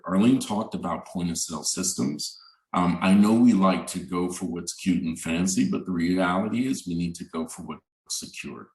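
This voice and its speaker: A man with a very low voice gives a relaxed presentation on a video call, filling his sentences with "um" and "you know". His voice sounds distant from the mic, in a roomy, echoing space. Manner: conversational, many fillers like "um" and "you know". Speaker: bank representative, panelist. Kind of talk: virtual panel presentation.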